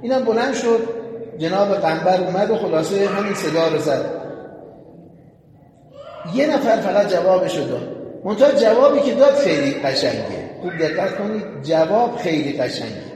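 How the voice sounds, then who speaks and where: A man preaching a sermon, retelling a story with animation and calling on his listeners to pay attention. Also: high voice. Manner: addresses the audience directly, animated retelling. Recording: echoey hall with long reverb, faint noise.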